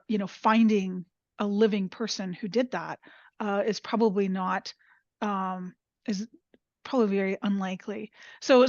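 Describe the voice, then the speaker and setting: A woman's voice: mid-range voice, dry recording. A woman answering as a panelist in a webinar over a video call, thinking aloud and searching for her words. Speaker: forensic panelist. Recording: muffled video call audio.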